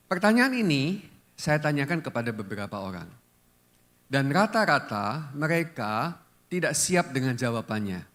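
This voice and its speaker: A man's voice: mid-range voice, fairly bright tone. A male pastor preaching a conversational sermon to a church congregation, often putting questions to the listeners.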